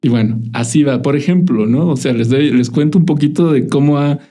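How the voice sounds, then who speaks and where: A man's voice: fairly high pitch, brisk, mellow. A man hosting a podcast, talking in a reflective, hesitant way with many restarts. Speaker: podcast host. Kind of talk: casual spiritual conversation.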